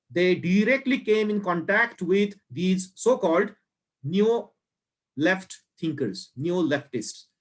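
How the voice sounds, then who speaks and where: Male lecturer from India, high-pitched, unhurried, phrase-by-phrase academic delivery. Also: a bit bright. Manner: slow, deliberate delivery with pauses between phrases.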